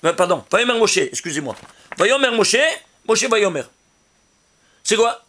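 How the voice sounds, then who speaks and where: A man teaching a Torah lesson as a rabbi, his voice pitched high. He talks in a bright, tense tone. He keeps asking his listeners questions as he works through the numbers. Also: a little slow. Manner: animated, asks rhetorical questions to his listeners. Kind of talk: Torah lesson explaining numerology.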